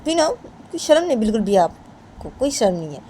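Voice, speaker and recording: A woman putting on a shrill scolding young woman. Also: sing-song, moderate pace, warm tone, a little hiss or hum. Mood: indignant. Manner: high scolding, repeated questions.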